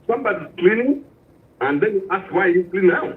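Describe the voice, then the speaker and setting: A man from Angola calling in on a phone line, speaking hesitantly with many pauses and fillers. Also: high-pitched, lively intonation. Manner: hesitant, many "uh" and "I don't know". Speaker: caller. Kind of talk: phone-in call to a radio show. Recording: tinny distant phone line.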